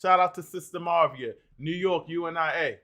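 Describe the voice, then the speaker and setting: Male stream host, bright and fairly high voice, works through the chat out loud. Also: moderate pace. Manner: animated, reads out and answers chat comments. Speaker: livestream host. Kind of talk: livestream talk reading chat comments.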